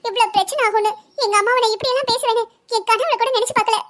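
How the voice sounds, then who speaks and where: A woman's voice: extremely high pitch, very fast, a bit bright. A woman voicing a young pregnant wife in a Tamil cartoon drama, speaking with biting sarcasm. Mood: hurt. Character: young pregnant wife, bitter and sharp-tongued.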